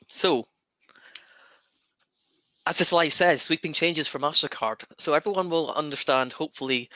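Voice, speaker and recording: A man with a broad Scottish accent presenting a webinar in a measured, explanatory manner. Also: medium pitch, pushed and bright, no echo.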